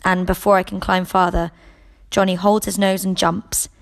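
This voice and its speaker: A woman reading a novel aloud in the first person, in a steady, measured way. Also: medium pitch, creaky. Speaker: audiobook reader.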